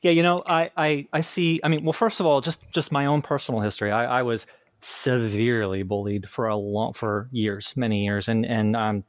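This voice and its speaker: A man's voice: medium pitch, fairly even intonation, normal speed, no echo. A man hosting an interview podcast, talking in a hesitant, searching way full of restarts. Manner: hesitant, many restarts and fillers. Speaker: podcast host. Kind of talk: casual interview conversation.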